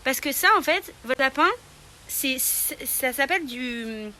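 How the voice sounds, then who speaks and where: Chatty young woman, bright tone. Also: high voice, lively intonation, measured pace, a little hiss or hum. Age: young adult. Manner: chatty, hesitant, many fillers. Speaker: pet vlogger. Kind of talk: casual vlog tutorial.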